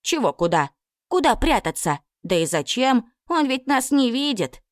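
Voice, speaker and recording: A woman voicing a sharp-tongued invisible household spirit that jeers in a sneering way. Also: sits high, sing-song, normal speed, no room sound, clean studio sound, voice pushed up. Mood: scornful. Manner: sneering, jeering.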